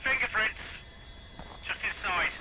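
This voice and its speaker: Bright, animated man playing a game. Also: high-pitched, measured pace, slight background noise, rough recording. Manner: animated, reads rules aloud. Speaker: co-player. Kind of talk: casual gameplay chat.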